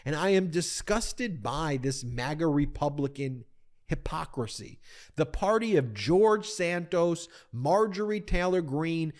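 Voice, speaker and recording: A man's voice: fairly high pitch, animated, measured pace. A man hosting a political commentary, indignant, often repeating himself and addressing his audience as folks.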